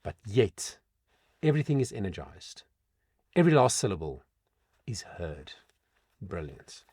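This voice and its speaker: A man's voice: fairly low pitch, big pitch swings, measured pace, darkish tone, husky, no room sound, clean studio sound. A middle-aged man working as a vocal coach, analysing a song and breaking into short sung demonstrations.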